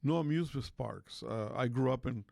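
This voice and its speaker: A man's voice: medium pitch, brisk, gravelly, darkish tone, no room sound, clean studio sound. A man from Costa Rica hosting a talk radio show, rambling in casual chat with lots of fillers and restarts.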